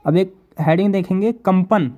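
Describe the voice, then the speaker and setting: Male teacher, higher voice, lecture style, repeats and quizzes students. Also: dark tone, muffled recording. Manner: repeats definitions slowly, asks students questions. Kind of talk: classroom lecture.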